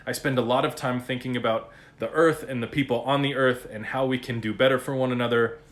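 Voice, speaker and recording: A man hosting a podcast, talking in a blunt, profane and animated casual monologue about raising his kids. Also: medium pitch. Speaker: podcast host.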